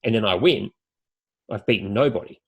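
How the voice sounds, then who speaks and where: In a podcast interview, a husky-voiced Australian man, pitched on the low side, speaks at a moderate pace as a guest and announcer. His explanations are articulate and structured as lists of points.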